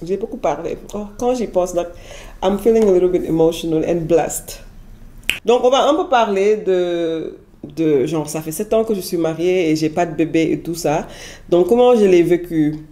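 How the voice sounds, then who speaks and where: Animated woman with a mellow voice. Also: lowish voice, normal speed. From Senegal. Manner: animated, switching between French and English. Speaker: vlogger. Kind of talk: casual storytelling vlog.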